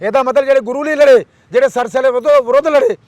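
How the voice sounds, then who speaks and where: A very high-pitched man with a darkish tone, recorded with no room sound, speaks with fire in an interview. He throws out rhetorical questions and repeats his demands in quick lists.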